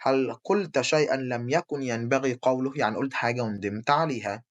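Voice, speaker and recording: A young man with an Egyptian Arabic accent teaching an English exam review lesson. He reads English sentences slowly, then explains them quickly in Arabic. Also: medium pitch, dull audio.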